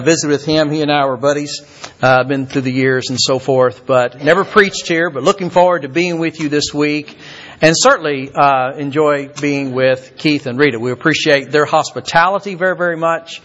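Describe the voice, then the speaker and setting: An older man from Kentucky preaches a sermon, stumbling over his words and repeating them. His voice sits slightly high. The recording is dull and muffled. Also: a bit bright. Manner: halting, repeats words with many fillers. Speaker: visiting preacher.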